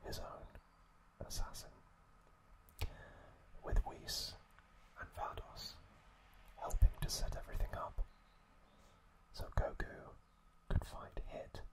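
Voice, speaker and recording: An ASMR host retells a story in a steady whisper, speaking very slowly and pausing hesitantly between brief phrases. The man's recording sounds rough.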